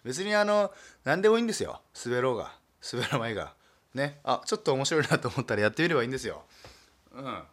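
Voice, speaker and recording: A male comedian from Nagasaki in a relaxed, self-deprecating solo talk, chuckling often and padding his speech with fillers. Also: mid-range voice, fast. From Nagasaki, Japan. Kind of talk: casual solo talk monologue.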